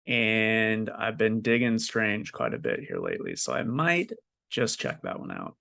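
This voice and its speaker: Slow, matter-of-fact male podcast host. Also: on the low side, sing-song, gravelly, bright, forceful tone, no echo, clean studio sound. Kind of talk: casual chat, reading news listings.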